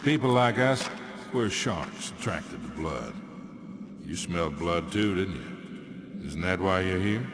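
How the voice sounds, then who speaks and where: 深い声の孤独な老殺し屋、長い残響. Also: male voice, deep voice, lively intonation, slow pace, heavily acted. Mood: knowing, predatory. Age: older. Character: lonely older assassin father, resigned, hungry for blood. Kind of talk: dramatic video game acting. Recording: long stadium-like reverb with crowd noise.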